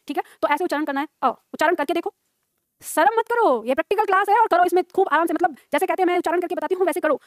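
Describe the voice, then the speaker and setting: A woman's voice: high voice, no echo, studio quality. A woman teaching a Hindi grammar class. She dictates notes, repeats each line and quizzes her students. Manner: dictates slowly, repeats phrases, questions students.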